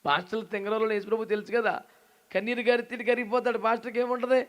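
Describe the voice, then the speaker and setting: Animated high-pitched pastor preaching. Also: male voice, racing. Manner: animated, teasing, acts out quoted voices. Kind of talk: sermon.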